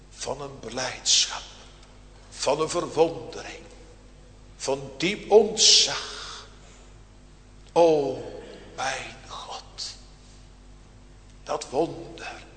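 A man preaching a sermon in a church, speaking slowly and solemnly, with rising, emphatic outbursts. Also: medium pitch, pushed and bright, roomy sound, long reverb tail.

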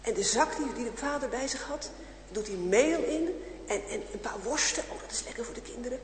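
A woman telling a children's story aloud, expressive, switching to hushed whispers for suspense and acting out the characters. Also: on the high side, brisk. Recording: echoey hall with long reverb, faint hum.

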